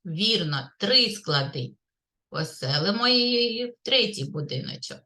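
Slow, lively-voiced kindergarten teacher woman. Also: mid-range voice. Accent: Ukrainian. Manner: slow, clear, sing-song teacher talk, praising often. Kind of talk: literacy lesson for young children. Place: kindergarten classroom.

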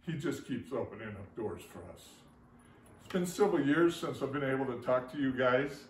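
A man's voice: medium pitch, moderate pace. Heartfelt older man in a roomy room. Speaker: ministry construction leader. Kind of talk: chapel talk. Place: living room, indoors. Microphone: far camera. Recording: roomy, distant camera audio with faint noise.

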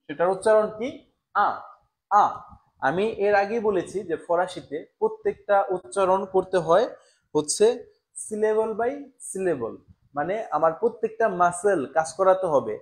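A man with a fairly high voice leads a live online language lesson. He works through French numbers one sound at a time and repeats each word with care so learners can follow. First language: Bengali. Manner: slow, syllable-by-syllable pronunciation drills. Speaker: French teacher.

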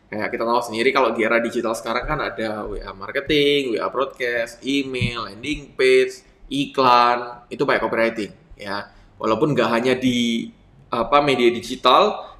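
Recorded in an echoey room, a young male copywriting instructor with a medium-pitched, bright voice chats casually through an online slide lesson. His teaching is conversational and full of fillers, and he speaks to viewers as if they were friends.

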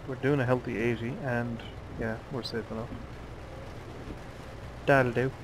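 A man's voice: medium pitch, level tone, unhurried, background noise. A tired man casually commenting on his own truck driving game, musing aloud to himself. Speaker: let's play gamer. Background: truck driving game sounds.

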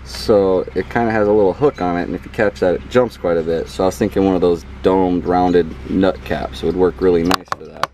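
A man's voice: low voice, fairly even intonation, fairly quick, few pauses, noisy background. A man giving a casual hands-on demonstration outdoors in a yard, often checking in with "okay?" and filling gaps with ums. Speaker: hobbyist explaining a homemade astrophotography mount.

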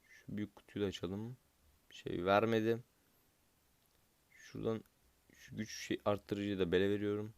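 Young male gaming commentator, impatient and cursing, smooth voice, dry close sound. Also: lowish voice, steady tone, moderate pace, pauses often, darkish tone, no room sound. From Turkey. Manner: frustrated, impatient, swears at the game. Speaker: gaming YouTuber.

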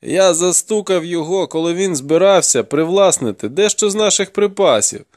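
A man's voice: sits high, moderate pace, a little mellow, no echo, clean studio sound, pitched above the performer's own voice, close to an everyday voice. A man voicing a grim male warrior who taunts and interrogates a captive in an audiobook. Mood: taunting, grim. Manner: taunting, commanding, gruff.

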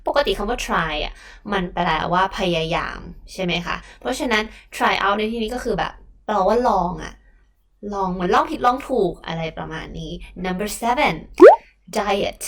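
A Thai woman teaching English vocabulary to high school students. She explains each word and asks the class questions in a coaxing way. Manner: warm, coaxing, asks students questions and calls them "child".

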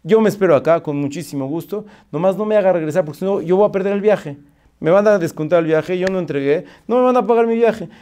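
A man's voice: high-pitched, fast, mellow, pitched above the performer's own voice, lightly acted. A man voicing a polite male delivery driver who pleads and explains. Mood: pleading.

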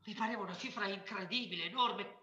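Woman, expressive literary reading, bright voice, theatre stage. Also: mid-range voice, quick pace, a little hiss or hum, poor audio. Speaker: reader.

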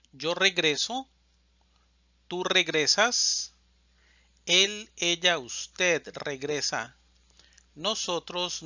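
A man teaching Spanish, reciting verb conjugations in a slow, deliberate drill and stressing each verb form. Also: fairly high pitch, pushed and bright, no echo, highs cut off.

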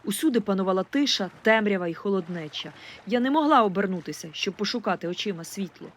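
Expressive woman narrating an audiobook. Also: mid-range voice, fast. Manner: expressive, lively storytelling. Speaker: audiobook reader. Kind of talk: first-person audiobook narration.

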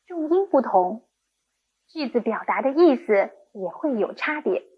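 Slow, breathy, high-voiced woman teacher. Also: very animated, a little mellow. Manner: slow, patient, encouraging teacher talk to young pupils. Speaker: primary school Chinese teacher. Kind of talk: recorded online lesson for children.

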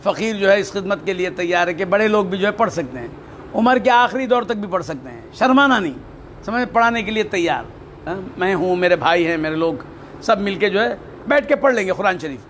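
A man with a high, lifted voice preaches a sermon. He drives his points home with rhetorical questions he answers himself, breaking into recited Arabic verses. Faint noise hums under the recording. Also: expressive, brisk, a bit bright. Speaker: Sufi preacher.

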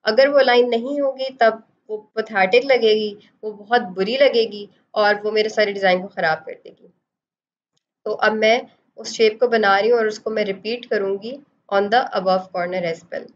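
A woman giving a screen-recorded design software tutorial, explaining each step and slipping English phrases into her talk. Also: medium pitch, fairly even intonation, a little slow. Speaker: design instructor. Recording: dull lo-fi voice-over.

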